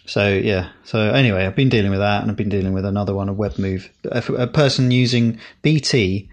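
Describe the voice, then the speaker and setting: A man's voice: fairly low pitch, a little fast. A man co-hosting a podcast, chatting casually with frequent fillers and restarts. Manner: rambling, hesitant, many fillers. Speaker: podcast co-host. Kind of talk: casual chat.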